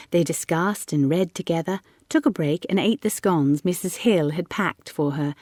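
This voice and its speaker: A woman narrating a short story audiobook in a measured storytelling manner. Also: lowish voice, mellow, dry recording, clean studio sound. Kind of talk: scripted narration.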